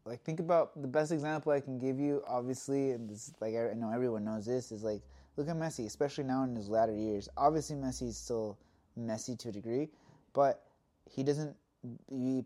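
A young man chatting casually on a sports podcast, his voice mellow and dark in tone. He rambles, leans on "like" constantly and laughs easily, with his pitch sitting in the middle of the range. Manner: rambling, heavy use of "like", laughs often. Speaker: podcast co-host.

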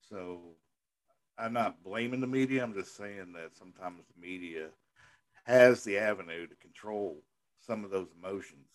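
A man co-hosting a casual podcast chat, talking in a measured, reflective way that often trails off softly. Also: low voice. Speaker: co-host.

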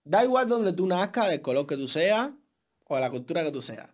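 A young man from Latin America talks on a casual podcast with a lively, rising and falling voice. He presses his point, often repeating himself for emphasis. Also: a little high, fairly quick. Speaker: podcast co-host. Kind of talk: casual chat.

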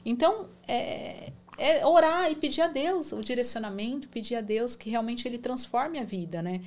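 A woman's voice: fairly high pitch, moderate pace. A woman in her forties telling her faith testimony in a podcast conversation, recounting her prayers with emotion. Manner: emotional, animated storytelling with reenacted prayers. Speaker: guest giving testimony.

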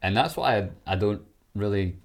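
A man's voice: fairly low pitch, moderate pace. A man with a Glasgow street accent chatting casually and telling anecdotes in blunt, sweary language. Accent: Glaswegian Scottish.

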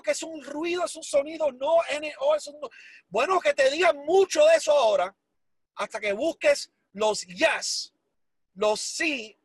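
In a very high voice with no room sound, a man delivers an emotional, emphatic motivational speech for a sales business. He repeats words for force and drops English phrases into his talk.

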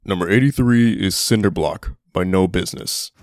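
A young man hosting a music podcast, counting down songs in an enthusiastic, profane, casual way, his voice a bit hoarse. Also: sits low, normal speed. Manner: enthusiastic, profane, conversational with fillers. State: voice getting hoarse. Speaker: podcast host.

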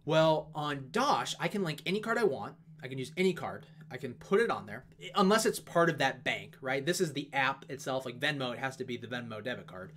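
A man talking fast and casually as he walks through an investment analysis, with plenty of fillers and asides. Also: mid-range voice, expressive, a bit bright. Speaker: investing video host. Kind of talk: casual stock analysis talk.

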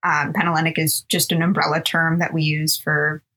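A woman's voice: low-pitched, little pitch movement, moderate pace, pushed and bright. A young woman in her twenties, a sorority chapter president, answering interview questions in a chatty, upbeat way with many ums.

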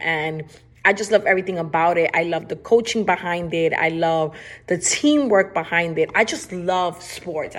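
Chatty woman podcast host, Spanish accent. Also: fairly low pitch. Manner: chatty and emphatic, repeats phrases. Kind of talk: casual podcast monologue.

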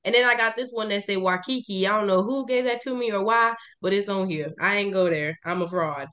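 A woman co-hosting a casual podcast, animated and joking, calling out her friends. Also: mid-range voice, fairly quick. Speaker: podcast co-host.

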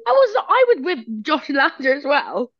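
A woman's voice: sits high, sing-song, moderate pace, a bit bright, dry recording, highs cut off. A woman co-hosting a casual podcast, telling travel stories, swearing casually and laughing often. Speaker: podcast co-host. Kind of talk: casual chat.

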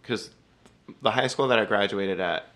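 A man chatting casually on a podcast as a guest, hesitant and full of fillers, joking with a deadpan delivery. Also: lowish voice, normal speed.

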